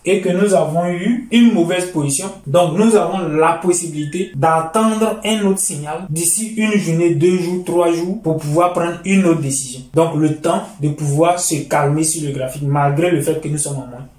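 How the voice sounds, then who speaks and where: Male trading instructor, higher voice, explains patiently; echoey, mic far off. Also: normal speed, few pauses, a little mellow. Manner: explanatory, repeats phrases, addresses "chers amis". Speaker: trading teacher. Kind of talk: lecture over charts. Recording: roomy, distant mic.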